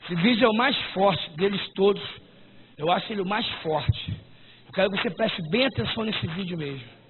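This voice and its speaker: A man preaching a fervent sermon at a church service, often breaking into shouts. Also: high voice, brisk. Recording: tinny lo-fi recording with noise.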